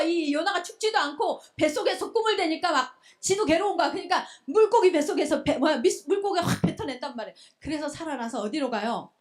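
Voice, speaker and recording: A woman preacher telling a scripture story to young adults, lively and full of rhetorical questions, in a church. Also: high-pitched. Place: church hall.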